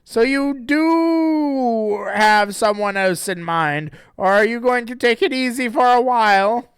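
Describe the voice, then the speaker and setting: A man putting on a high, eager comic-book hero. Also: expressive, slow pace, fairly bright tone, smooth, no room sound, exaggerated voice. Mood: earnest. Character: earnest, fussy young man, hero of a homemade comic.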